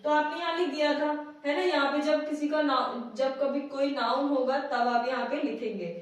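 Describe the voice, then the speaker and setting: A woman's voice: high-pitched, fairly even intonation, normal speed. A woman teaching English grammar in a casual whiteboard lesson, often asking her viewers questions and checking in with them. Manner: repeats questions to viewers, frequent checking "theek hai". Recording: very echoey room, voice from a distance.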